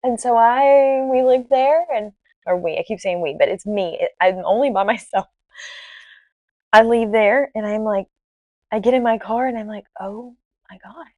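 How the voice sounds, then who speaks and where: Excitable young woman, dry close mic. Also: a little high, normal speed, dry recording, narrow, tinny audio. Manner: animated, excitable, acts out dialogue in quotes; many restarts and fillers. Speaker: podcast guest. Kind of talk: casual storytelling.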